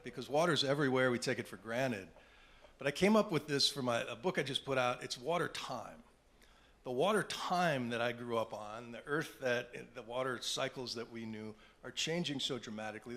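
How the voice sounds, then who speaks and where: Middle-aged male journalist, panel speaker, animated anecdotal delivery, medium pitch. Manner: animated anecdotal storytelling with asides. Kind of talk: storytelling at a panel talk.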